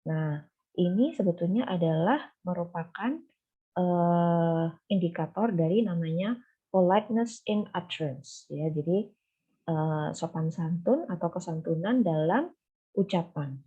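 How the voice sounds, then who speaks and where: Low, husky woman teaching phone phrases. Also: lively intonation, unhurried, narrow, tinny audio. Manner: explains patiently, switching between two languages with frequent fillers. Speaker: English teacher. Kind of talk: bilingual lecture explaining phone phrases.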